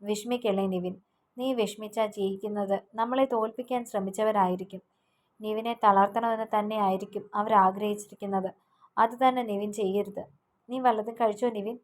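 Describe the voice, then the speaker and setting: A woman voicing a caring young woman in an audio novel, speaking softly and a little hoarse from a cold. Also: medium pitch, steady tone, a little fast, close to an everyday voice. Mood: soothing.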